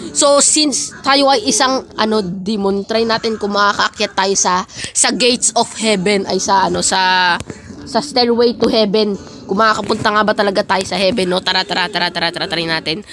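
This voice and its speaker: A woman's voice: mid-range voice, expressive, normal speed. A woman giving casual, playful game commentary, chatting and talking straight to her viewers. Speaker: gaming vlogger.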